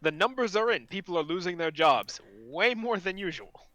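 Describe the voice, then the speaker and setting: A man's voice: high voice, big pitch swings, normal speed, bright, forceful tone, no room sound, dull audio. A man co-hosting a casual gaming chat, chatty and self-mocking, laughing often. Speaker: podcast co-host.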